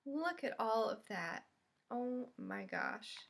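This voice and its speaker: Reading aloud to young children as a library storyteller, a woman speaks in a slightly high voice, with a little hiss or hum in the audio. She's expressive and pauses to ask the children questions.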